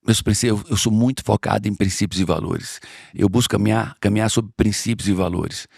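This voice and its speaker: A middle-aged man from Brazil talks in an interview with a gravelly edge to his voice. He is earnest and circles back on his key phrases to drive them home. The recording is dry and close. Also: lowish voice, a little fast, a little mellow, no echo. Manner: earnest, repeats phrases for emphasis. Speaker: interview guest. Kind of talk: conversational interview.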